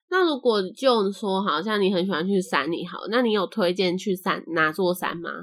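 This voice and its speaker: A woman's voice: mid-range voice, moderate pace. Chatty young Taiwanese woman host. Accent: Taiwanese Mandarin. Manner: chatty, laughs often, trailing sentence ends. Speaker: podcast host. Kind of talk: casual chat.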